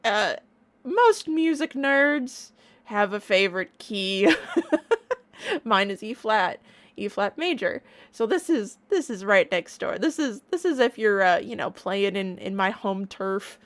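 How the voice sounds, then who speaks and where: A woman streamer giving a casual, excited reaction in a playful, bubbly, gushing way. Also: medium pitch, unhurried. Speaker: online reaction streamer and music creator.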